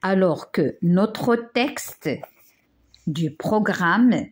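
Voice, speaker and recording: Slow French woman reading a tale. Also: medium pitch, expressive. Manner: slow, careful reading with small slips. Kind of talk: reading a children's tale aloud.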